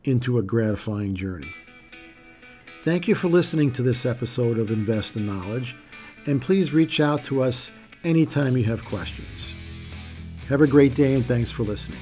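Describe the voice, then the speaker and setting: A man giving a measured, formal scripted narration as a financial podcast host. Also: mid-range voice, darkish tone.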